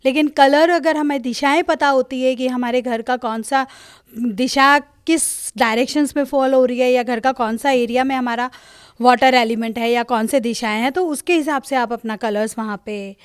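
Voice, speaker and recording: A woman's voice: sits high, steady tone, moderate pace, clean tone, dry recording, clean studio sound. A woman, a Vastu consultant, explaining earnestly in an interview.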